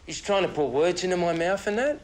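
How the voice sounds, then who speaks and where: A man's voice: sits high, lively intonation, fairly quick. An actor playing an agitated male Australian pensioner on methadone, a witness in court who rambles indignantly and keeps saying "mate". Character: agitated scruffy male pensioner addict witness, cocky and evasive. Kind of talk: film drama acting.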